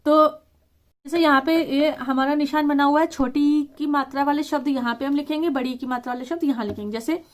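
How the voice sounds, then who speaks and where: A woman teacher explaining a lesson, reading words out slowly and deliberately and slipping English words into casual talk. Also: sits high, fairly even intonation. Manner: slow, deliberate word reading with stressed syllables.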